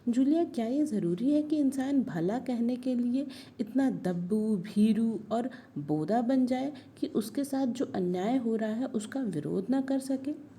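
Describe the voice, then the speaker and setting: A woman's voice: on the high side, expressive, dark tone. A woman reading aloud the part of a stern, hot-tempered male employer, raising her voice in anger. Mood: lecturing. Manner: angry, raised voice, slow deliberate reading.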